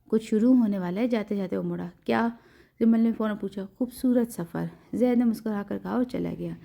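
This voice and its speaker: A woman's voice: on the high side, creaky, dark tone. A young woman narrating a romance novel aloud and giving each character a voice in the dialogue. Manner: acts every character in dialogue.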